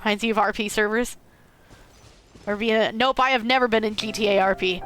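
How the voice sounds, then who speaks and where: A woman's voice: mid-range voice, steady tone, brisk, fairly bright tone, soft background music. A woman streaming a story game, making casual, joking commentary and often laughing.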